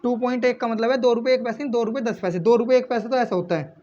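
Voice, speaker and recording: A male maths teacher explains a problem step by step in classroom style, asking questions he answers himself, repeating key points, and addressing his viewers as friends. His voice is extremely high and dark-toned, fast but steady, on a slightly dull lo-fi recording.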